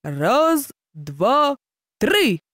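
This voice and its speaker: A bragging male hare from a fairy tale, sneering at everyone he meets, as a woman puts him on. His voice is raised in pitch and swoops about, loud and scornful. It is recorded dry and close. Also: lively intonation, measured pace, no echo. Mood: commanding. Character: mocking, boastful male hare. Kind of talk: storybook reading.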